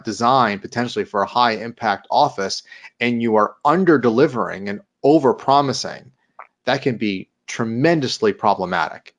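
Man, podcast co-host, casual chat, animated storyteller, mid-pitched voice. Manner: chatty, retells scenes with acted-out quotes. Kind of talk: casual conversation.

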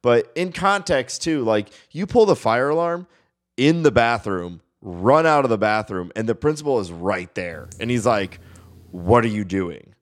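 A man's voice: mid-range voice, lively intonation, normal speed. A man talking as a podcast panelist, casual and rambling as he explains himself. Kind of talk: casual chat.

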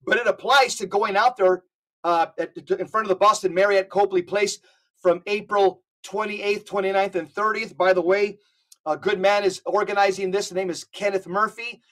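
A man appears as a podcast guest, telling animated stories and exhorting listeners in an emphatic, preacher-like style, often repeating himself. His voice is high and a little bright, with fairly even intonation and a moderate pace.

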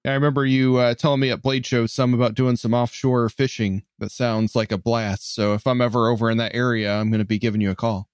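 A man's voice: medium pitch, level tone, a little fast, few pauses, no room sound. Easygoing man host, dry close sound. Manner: easygoing, brief responses. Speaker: podcast host. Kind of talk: casual interview.

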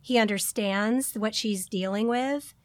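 A woman co-hosting a casual podcast chat, animated and gushing, acting out quotes with big jumps in her voice. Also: unhurried, dry recording. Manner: animated, gushing, big pitch swings when quoting. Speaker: podcast co-host.

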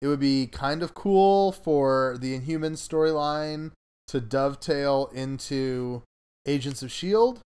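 A man hosting a casual podcast chat, talking in a relaxed, rambling way. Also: medium pitch, takes it slowly, clean tone. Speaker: podcast host.

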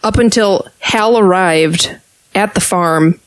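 A woman's voice: mid-range voice, slow, dry recording. A woman co-hosting a podcast in casual chat, laughing often and checking in with her partner. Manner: laughing, self-aware. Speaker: podcast co-host.

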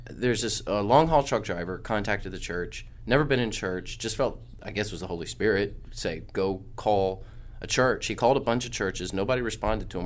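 A pastor with a head cold talks casually on a podcast from a studio. His fairly low voice explains things with plenty of fillers and restarts.

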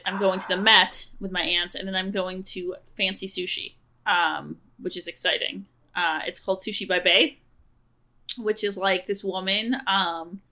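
Bright, chatty young woman podcasting. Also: medium pitch. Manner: chatty, casual, swears lightly. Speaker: podcast co-host. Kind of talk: casual podcast chat.

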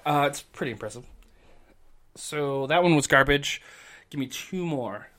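A man's voice: fairly high pitch, expressive, a little slow, a bit bright. A man running a tabletop game as game master. He narrates casually, laughs often and swears freely.

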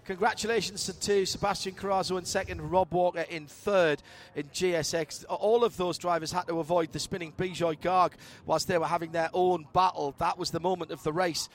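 A high-pitched man delivering race commentary. His wrap-up of the results is chatty, with a dry, wry touch. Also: steady tone, brisk.

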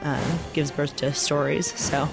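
A man giving a thoughtful, halting take on a film in casual podcast talk. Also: fairly high pitch, flat delivery, creaky, over music.

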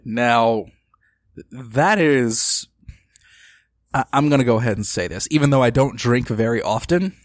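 A man's voice: medium pitch, a little slow, long pauses, dry recording, studio quality. A young man co-hosting a casual podcast, who talks in a playful, teasing way and loves puns. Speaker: podcast co-host.

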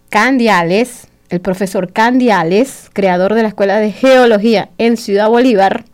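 A middle-aged woman with a Venezuelan accent tells a personal story on a radio show in a casual, animated way. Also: mid-range voice. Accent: Venezuelan Spanish. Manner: animated, chatty, acts out quoted remarks.

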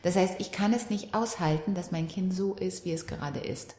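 A middle-aged woman talking calmly and reflectively as an interview guest about parenting and relationships. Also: fairly low pitch, moderate pace. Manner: calm, reflective, animated when quoting her daughter. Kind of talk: conversational interview. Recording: roomy echo.

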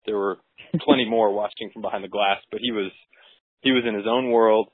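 Man, physician telling a case story, relaxed wry delivery, lowish husky voice, dry tinny phone-like sound. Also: fairly quick, no room sound. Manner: relaxed anecdotal telling with wry crude asides. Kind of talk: casual storytelling on a podcast.

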